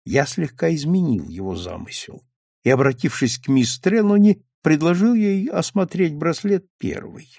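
A man narrating a story in the first person with expressive storytelling. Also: a little high, normal speed, creaky, no echo, studio quality. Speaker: audiobook narrator.

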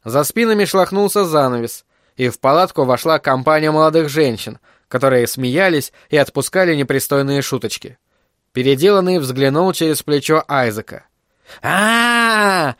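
A man narrating an audiobook in a steady, even storytelling manner. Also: on the high side, normal speed, dry recording, studio quality. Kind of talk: scripted narration.

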